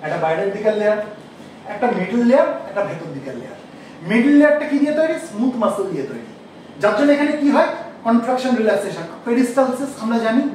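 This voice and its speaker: Male teacher, very high voice, quizzing the class, echoey room with faint noise. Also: big pitch swings, darkish tone. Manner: asks the class questions and repeats key terms slowly. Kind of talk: classroom lecture. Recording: echoey room, mic far off.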